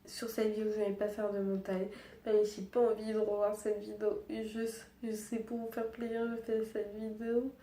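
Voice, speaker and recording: A young woman speaking quietly and hesitantly in a personal vlog, subdued and sad, with halting, restarting sentences. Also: mid-range voice, completely flat delivery, reverberant, recorded from a distance. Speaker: vlogger.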